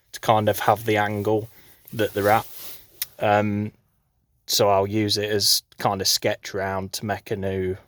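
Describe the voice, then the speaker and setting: This man sits fairly low in pitch, with a slightly bright edge. He's a farm vlogger showing how to do a DIY installation, filmed on a handheld phone for a casual how-to vlog, and he talks through the work plainly and informally.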